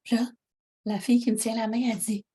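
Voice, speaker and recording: A woman's voice: fairly high pitch, fast, husky. A woman with a Québécois accent, ill with pneumonia, telling a story animatedly in casual talk and acting out the dialogue. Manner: animated, acts out dialogue, laughs while telling. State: ill with pneumonia, prone to coughing. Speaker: coaching call participant. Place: at home.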